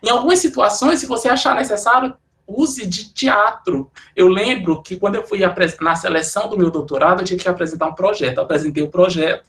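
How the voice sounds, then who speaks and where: A middle-aged Brazilian man giving a lecture to students, speaking conversationally and often tagging his sentences with quick checks and restarts. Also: high-pitched, a bit bright. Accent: Brazilian Portuguese. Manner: conversational, frequent "né" tags and restarts. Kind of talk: academic talk to students.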